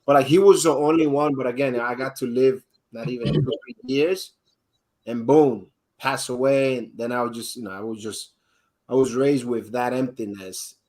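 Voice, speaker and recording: A man from the Dominican Republic, a guest on a live interview, telling his own story in a halting way with many restarts and fillers. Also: medium pitch, low-quality recording. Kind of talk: candid personal storytelling.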